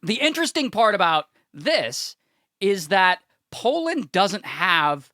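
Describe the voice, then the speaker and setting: Bright, slightly high man joking dryly. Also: very animated, slow, no room sound. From United States. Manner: dry, joking. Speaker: podcast co-host. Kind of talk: casual podcast chat.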